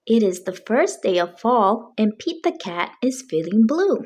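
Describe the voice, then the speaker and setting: Reading a children's story aloud, a woman lets her pitch move about lively and takes her time, shaping each sentence carefully for young listeners. There's a breathy edge to her voice.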